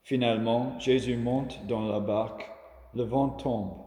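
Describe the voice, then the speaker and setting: A man from Australia giving a calm, measured homily on the gospel. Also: mid-range voice. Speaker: preacher. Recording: echoey room with long reverb.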